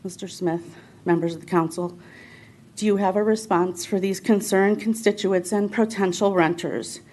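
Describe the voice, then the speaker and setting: A woman's voice: mid-range voice, steady tone, moderate pace, a little mellow. Woman, resident at a council podium, earnest, pleading, reading from notes. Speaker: resident giving public comment. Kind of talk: prepared statement at a council meeting. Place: city council chamber.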